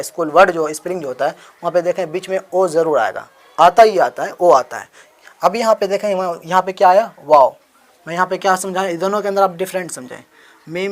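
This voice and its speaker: A man with a slightly raised voice teaches handwriting in a patient, repetitive way. He spells out each letter in turn and keeps asking questions that he then answers himself. He speaks close to the mic as he writes. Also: a little high. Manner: spells out letters one at a time. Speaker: Urdu writing teacher. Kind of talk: explanatory handwriting lesson.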